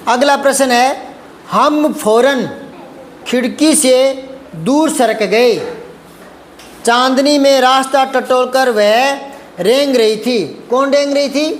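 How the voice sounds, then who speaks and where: A man's voice: very high-pitched, slow pace, long pauses, reverberant, slight background noise. A man teaching a Hindi grammar lesson to a class, patient and repetitive, often asking the students if they understood. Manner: patient, repetitive, addresses students as beta, asks checking questions.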